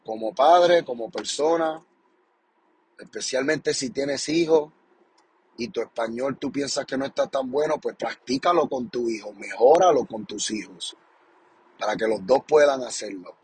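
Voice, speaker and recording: A young adult man hosts a podcast as a casual monologue, speaking in a mid-range voice at a slightly slow pace. He's passionate and encouraging, often repeating his points and tagging them with a question, with a little hiss or hum in the audio.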